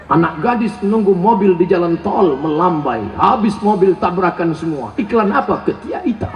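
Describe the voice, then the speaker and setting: A high-pitched man preaches a joking, animated sermon, firing shouted questions at the crowd. His voice rings through an echoey hall on a dull, lo-fi recording with faint background noise. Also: normal speed. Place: large event hall.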